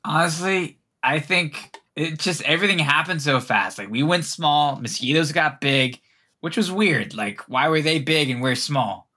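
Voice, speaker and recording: A tiny elf townsman from a tabletop fantasy game as a man acts him out. His voice is squeaky, bright and somewhat high. He rambles in casual, exasperated speech, yet stays polite. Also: unhurried. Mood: bewildered, rambling. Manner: rambling, hesitant, casual swearing.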